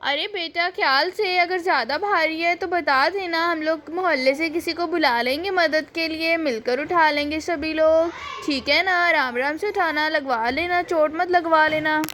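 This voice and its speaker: A woman's voice: extremely high pitch, moderate pace, hardly any pauses, a bit bright, slight background noise. Woman voicing a fussing motherly aunty doll. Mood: worried. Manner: fussing, cautioning.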